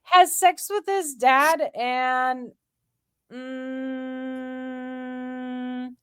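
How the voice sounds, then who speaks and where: A woman with a high voice co-hosts a casual podcast talk. She speaks slowly and unhurriedly, backing up her partner and adding her own questions. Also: animated. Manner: agreeable, chimes in with questions. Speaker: podcast co-host. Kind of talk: casual discussion of scripture.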